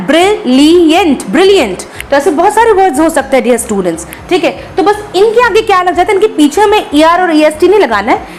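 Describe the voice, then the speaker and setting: A woman teaching a grammar lesson. She mixes Hindi and English, says example words slowly and often checks in with her students. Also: high-pitched, rough recording.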